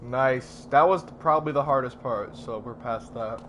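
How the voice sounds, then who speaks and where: A man's voice: medium pitch, normal speed, background noise. A young man chatting casually as he co-commentates a video game. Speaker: let's play co-commentator. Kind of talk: casual gameplay chat. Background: video game music and sounds.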